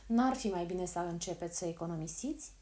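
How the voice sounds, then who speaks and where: A woman's voice: on the low side, dark tone, lightly acted. A woman reading the lines of a cold, persuasive male agent who sells time savings, calculating and coaxing in an audiobook.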